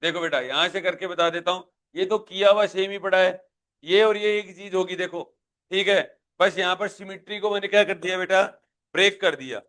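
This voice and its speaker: A man's voice: high voice, fairly even intonation, fairly quick, fairly bright tone. A male physics teacher with a Hindi accent giving a live classroom lecture, questioning students and pushing them to answer aloud.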